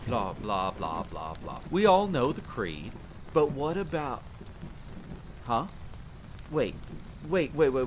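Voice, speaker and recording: A man acts out a friendly, excitable young spearman in a fantasy setting, chattering and bantering eagerly, though the acting stays light. The piece is an immersive roleplay audio drama spoken to the listener. Steady rain, campfire crackle and rolling thunder rumble behind his voice throughout.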